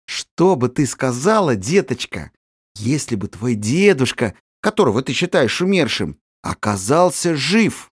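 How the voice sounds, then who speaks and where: A man's voice: a little high, animated, moderate pace, dry recording, clean studio sound, voice pushed up, close to an everyday voice. A man reading an audiobook voices a cunning woman who coaxes a child with false tenderness. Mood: coaxing. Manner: honeyed, coaxing. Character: sly scheming woman feigning tenderness.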